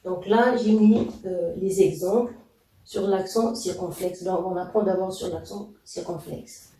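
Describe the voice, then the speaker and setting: A man teaching a language lesson, explaining slowly and deliberately with pauses and fillers. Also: high voice, fairly even intonation, mellow, recorded from a distance, slight background noise. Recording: echoey room, voice off-mic.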